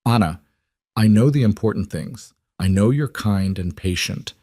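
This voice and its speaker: Storybook role: a man playing a weary, kind single dad, low voice, dry recording. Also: measured pace, warm tone, no echo. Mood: reassuring. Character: tired, kind working single father.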